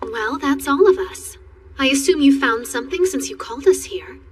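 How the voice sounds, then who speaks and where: A woman's voice: sits high, lively intonation, moderate pace, far from the mic, music in the background. A woman voicing a courteous, self-possessed beast-woman ambassador in an English anime dub. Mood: composed firmness.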